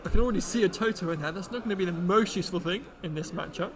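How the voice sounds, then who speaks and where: A young man co-hosts a card game stream and walks viewers through each play. He stays relaxed and explanatory, and his voice sits notably high for a man. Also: rapid-fire, slight background noise. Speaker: tournament co-host and commentator. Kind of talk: casual live play-by-play commentary.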